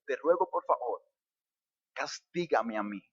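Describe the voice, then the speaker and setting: A man's voice: medium pitch, animated, measured pace, breathy edge, no room sound, lo-fi sound, voice pushed down. A man preaching who acts out a biblical man pleading to take a punishment in place of his brother. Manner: pleading, imploring. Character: pleading biblical man offering himself as surety.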